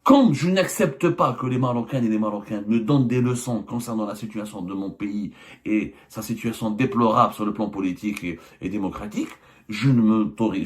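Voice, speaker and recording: With a darkish voice on the low side, an Algerian journalist and host gives an emphatic political commentary. He leans on rhetorical questions, though hesitant fillers and restarts break up his speech.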